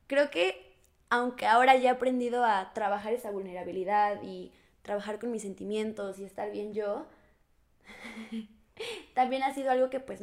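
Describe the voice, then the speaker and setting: A young Mexican woman talking in a reflective, soft-spoken way as a podcast co-host, with many fillers. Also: on the high side. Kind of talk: casual chat.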